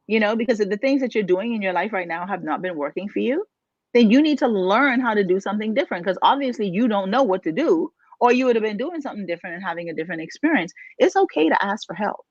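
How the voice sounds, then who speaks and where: This Bahamian life coach co-hosts a motivational podcast, her mid-range voice animated and quick. She speaks emphatically and fires off rhetorical questions, and the sound is dull, dry and lo-fi with no room tone.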